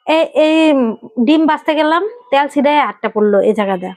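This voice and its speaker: A woman's voice: high-pitched, animated, fairly quick. A woman playing an aggrieved wife in a family quarrel skit, complaining and scolding. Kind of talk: acted domestic quarrel skit.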